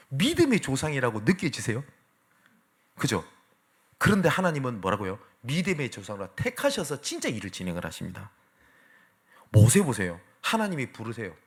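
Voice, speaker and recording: A man preaches a sermon in a church, speaking to the congregation and asking them questions. His pitch sits in an ordinary middle range for a man. His voice swings up and down with great animation. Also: vocal fry. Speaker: pastor. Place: church sanctuary.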